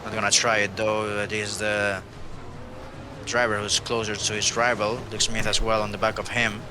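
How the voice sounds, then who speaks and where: A man with a somewhat low voice co-commentates a sim race, measured and analytical, breaking down the incidents. Clear hiss and noise run under his recording. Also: little pitch movement.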